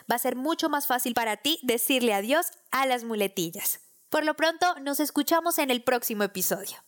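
Woman hosting a speaking-skills podcast. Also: sits high. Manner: clear, instructive, addressing the listener directly. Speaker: podcast host. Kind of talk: scripted podcast lesson on public speaking. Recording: section headings read over loud electronic music.

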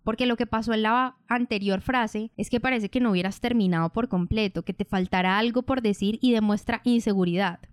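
A woman who hosts a podcast and coaches public speaking, explaining in a calm, measured way. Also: medium pitch, clean tone, no room sound, studio quality. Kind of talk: instructional podcast narration.

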